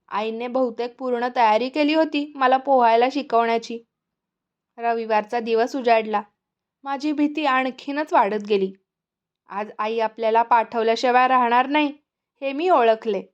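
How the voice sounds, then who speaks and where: Woman storyteller, high-pitched, gentle and expressive, muffled lo-fi audiobook recording. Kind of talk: audiobook narration.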